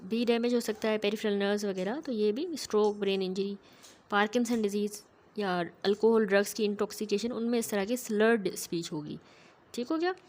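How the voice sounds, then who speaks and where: A woman giving a methodical, explanatory medical lecture, often pausing to check in with her students. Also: medium pitch, a little mellow. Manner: methodical, keeps checking in with "ठीक है".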